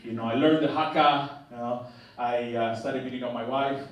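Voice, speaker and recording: A young comedian with a Mexican accent speaks in a steady, medium-pitched voice at a moderate pace during a theatre stand-up set. Loose and chatty, he trips over restarts and chuckles at his own jokes. Sound comes from a distant mic in an echoey, noisy hall.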